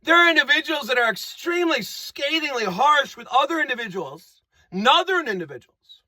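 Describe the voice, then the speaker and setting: A man's voice: extremely high pitch, very animated, normal speed, bright, forceful tone, dry recording. A man giving a rambling comic monologue, repeating phrases and playing with made-up words. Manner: rambling, repetitive, playful wordplay.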